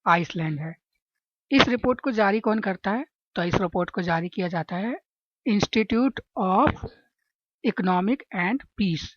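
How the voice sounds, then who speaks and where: A woman walks listeners through exam questions, building little memory tricks and checking in with them as she goes. Her voice sits at a middle pitch. The recording is dry and slightly muffled, as from a small room. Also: lively intonation, slow, no echo. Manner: chatty, keeps asking "है ना?" to check understanding. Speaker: exam-prep teacher.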